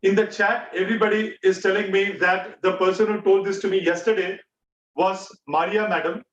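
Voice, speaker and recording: Echoey, high-voiced Indian man teaching. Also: fairly even intonation, normal speed, a bit bright, highs cut off. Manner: repeats key phrases and questions for emphasis. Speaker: online bootcamp instructor. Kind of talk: interactive lecture to an online class. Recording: echoey, distant mic, faint noise.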